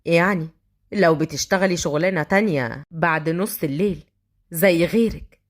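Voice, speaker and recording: A woman plays a brooding young male street thug with an Egyptian accent, talking slowly in a hushed, menacing way. She pushes her natural voice down to a fairly low pitch.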